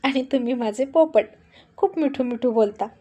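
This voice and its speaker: A woman's voice: high voice, moderate pace, dark tone. A woman voicing a playful, affectionate young wife in a told love story. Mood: cheeky. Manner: cheeky, coaxing.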